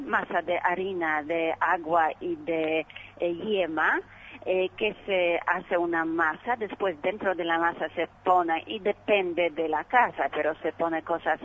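A woman from Poland with a Polish accent, a non-native speaker in a radio interview, haltingly searching for words. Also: fairly low pitch. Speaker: ambassador being interviewed. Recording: dull, noisy phone call.

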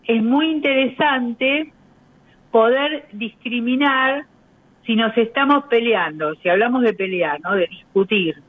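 A woman, a communication specialist explaining her ideas as a guest on a radio interview, pausing often on hesitant fillers. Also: on the high side. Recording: tinny phone line.

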